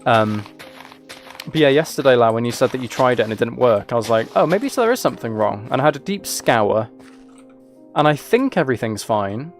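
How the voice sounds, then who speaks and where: Over faint music, a man with a mid-range voice and big pitch swings talks briskly on a game livestream. He chats casually, rambling and thinking aloud as he plays.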